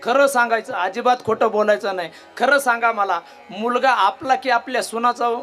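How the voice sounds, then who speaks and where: A man's voice: very high-pitched, normal speed, bright, forceful tone, faint music behind. A man preaching a devotional kirtan sermon, telling humorous stories, mimicking villagers' voices and questioning his listeners.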